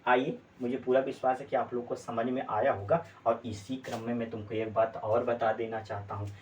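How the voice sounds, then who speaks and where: A man's voice: mid-range voice, flat delivery, normal speed, darkish tone. A male teacher giving a classroom lesson. He keeps asking his students check questions and answers them himself. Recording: distant mic, faint background noise.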